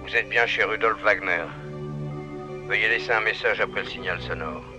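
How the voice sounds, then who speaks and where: A man's voice: fairly low pitch, moderate pace, over music. An actor voicing a man's formal, polite answering machine greeting in a dubbed crime drama. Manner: formal, polite recorded announcement. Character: man's recorded phone greeting, calm and formal.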